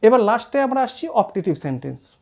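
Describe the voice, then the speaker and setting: Mellow-voiced teacher explaining grammar. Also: male voice, extremely high pitch, big pitch swings, vocal fry, lo-fi sound. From India. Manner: explains slowly, repeats terms, quotes example sentences. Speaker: English teacher. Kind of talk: classroom grammar lesson.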